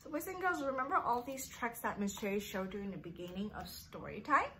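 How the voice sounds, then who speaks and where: A woman hosts story time for young children, reading a picture book aloud in a sing-song way with simple phrasing aimed right at her little listeners. Her medium-pitched voice is animated and brisk, and there's noise in the background.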